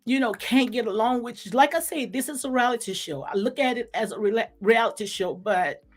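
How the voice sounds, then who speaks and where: With faint music behind her, a woman hosting a recap show talks briskly in a slightly hoarse voice pitched on the high side. Her commentary is casual and rambling, warm, conversational, and repetitive.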